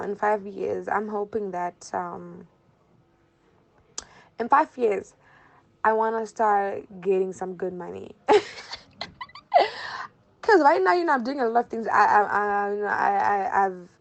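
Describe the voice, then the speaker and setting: A bubbly Zimbabwean woman in her 20s chats casually as an interview guest, her mid-range voice unhurried and creaky. She laughs often and keeps circling back over what she's said.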